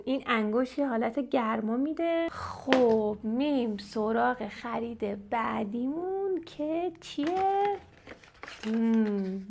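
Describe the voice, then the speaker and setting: A woman's voice: on the high side, gravelly, a little hiss or hum. A young woman from Iran chatting casually to viewers while testing makeup. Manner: chatty, animated, addresses viewers directly. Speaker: beauty vlogger. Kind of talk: casual makeup unboxing chat. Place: at home, seated in front of camera.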